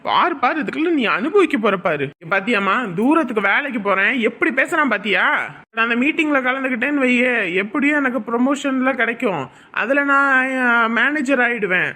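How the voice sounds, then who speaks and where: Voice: medium pitch, lively intonation, bright, forceful tone. A performer playing a whiny jealous elder son. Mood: complaining. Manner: whiny, bickering, quick to blame. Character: jealous, complaining young man, elder son. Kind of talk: family comedy sketch acting.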